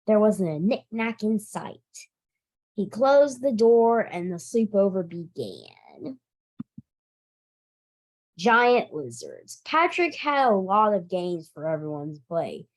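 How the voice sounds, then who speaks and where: A library director reads a picture book to young children, taking her time. Her pitch swings up and down freely and her phrasing is emphatic and expressive, though she sometimes stumbles over a word. It's a lively storytime read-aloud.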